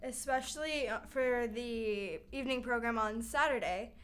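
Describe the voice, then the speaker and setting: A young woman with a fairly high voice chats as a podcast co-host. She breaks in with quick, lively asides and comments. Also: slight background noise. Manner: chatty, chiming in with quick asides. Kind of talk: casual chat.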